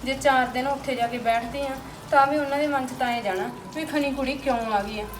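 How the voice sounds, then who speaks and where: A woman's voice: high-pitched, close to an everyday voice. A woman playing a fed-up young daughter-in-law who complains about her household, speaking. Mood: weary lament. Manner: complaining, rapid arguing. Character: fed-up young wife, quarrelsome then weary. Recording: echoey room from a far mic, noisy.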